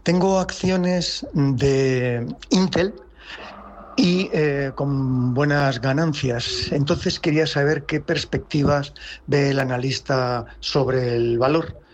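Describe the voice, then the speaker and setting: Give me a man speaking slowly and politely on a recorded voice message played back over the air. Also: medium pitch, slight background noise. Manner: polite and formal. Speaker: listener sending a question. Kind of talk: voice note to a radio call-in show.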